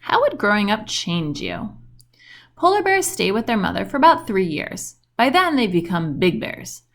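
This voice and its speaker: A woman with a medium-pitched voice reads a children's story at normal speed. Her delivery is expressive, in a storytelling style with questioning inflections.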